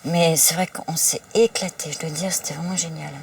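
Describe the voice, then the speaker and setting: A woman's voice: deep voice, fairly even intonation, normal speed, creaky, husky. A woman talking casually and informally, as someone caught in conversation in a documentary. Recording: distant mic with faint ambient noise.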